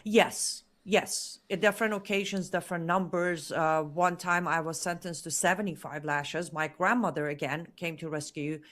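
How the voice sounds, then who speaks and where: Her voice sits fairly low and is a bit bright, with fairly even intonation, a moderate pace and hardly any pauses. A native Farsi speaker, she is an interview guest telling her own story, earnest and emphatic, repeating words to stress them.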